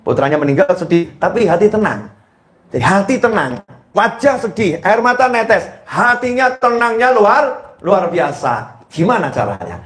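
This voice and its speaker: Expressive high-voiced male preacher. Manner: expressive, swings between high exclaims and low drops. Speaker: Islamic preacher. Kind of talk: sermon. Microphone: handheld mic.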